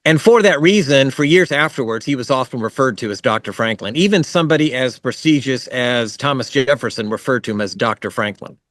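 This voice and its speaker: Male lecturer, mid pitch, chatty and digressive, dry close sound. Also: brisk, few pauses, fairly bright tone, no echo. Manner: conversational, with fillers and asides. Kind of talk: online history lecture. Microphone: video call.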